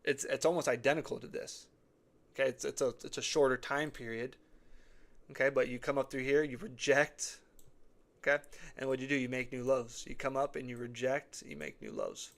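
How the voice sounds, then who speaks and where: A man's voice: mid-range voice, steady tone, a little fast, vocal fry. A man hosting live crypto chart commentary, rambling and repeating himself, his voice slightly cracked. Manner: rambling, repeats phrases, says okay and right often. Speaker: crypto chart analyst host.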